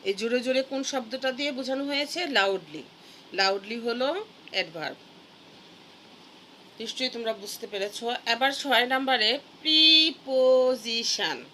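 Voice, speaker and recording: A Bangladeshi woman teaching an English grammar lesson to young students, patient and deliberate, breaking words into syllables. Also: fairly high pitch, sharp tone, a little hiss or hum. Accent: Bangladeshi Bengali.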